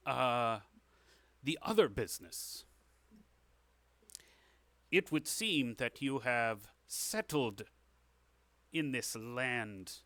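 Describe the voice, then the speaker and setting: Man doing a stately king, solemn, ceremonial, slow, bright tone. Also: medium pitch, no echo.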